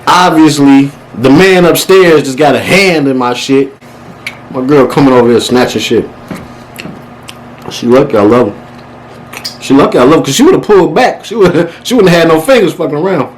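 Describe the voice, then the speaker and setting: A man's voice: on the high side, fairly quick, a little hiss or hum, low-quality recording. A man hosting a casual eating show, talking with his mouth busy in a playful, exaggerated, slangy and profane way. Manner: talks while eating. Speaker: vlogger hosting a mukbang.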